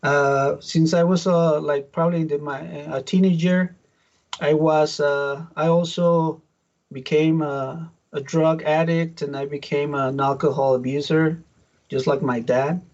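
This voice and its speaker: Speaking in a slightly high, steady, darkish voice, this Mexican pastor in middle age shares his testimony in an interview, with many halts and restarts. Spanish is his native language and his accent is Mexican Spanish, and the recording has its highs cut off.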